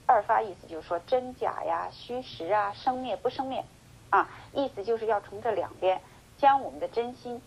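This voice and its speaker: A woman teaching a Buddhist sutra lecture, telling the story with lively acted-out dialogue and many drawn-out sentence-final particles. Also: fairly high pitch, slight background noise, poor audio. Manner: slow measured chanting when reading scripture.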